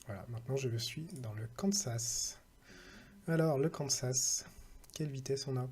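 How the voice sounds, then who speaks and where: A man's voice: mid-range voice, a little slow, a little mellow. A man talking casually through a screen-recorded tech tutorial, thinking aloud and reading out numbers with hesitant fillers.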